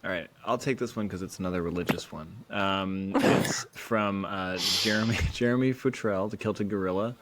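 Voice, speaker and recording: A man's voice: deep voice, moderate pace, few pauses. A man co-hosting a podcast, playfully reading listener questions in casual chat. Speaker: podcast co-host. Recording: noisy podcast recording.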